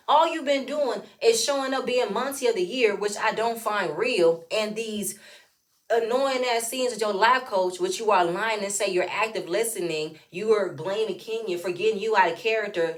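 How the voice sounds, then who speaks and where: A woman giving a blunt, exasperated reality TV review, firing off rhetorical questions in casual speech. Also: a little high. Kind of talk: opinionated recap rant.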